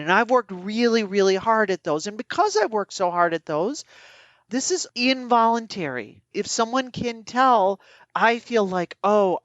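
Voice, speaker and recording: A woman in the middle of her range talks things through in an earnest, thoughtful way. She draws out her vowels with a gentle sing-song lilt. The recording is dry and a little muffled. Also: medium pitch, no echo. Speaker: podcast co-host. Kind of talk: casual conversation.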